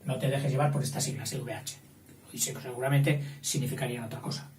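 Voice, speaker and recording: A man's voice: mid-range voice, fairly even intonation, fast talker, darkish tone. A man teaching a school lesson, drifting into digressions, correcting himself, and often checking in with a questioning "eh?". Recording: roomy, distant mic, faint background noise.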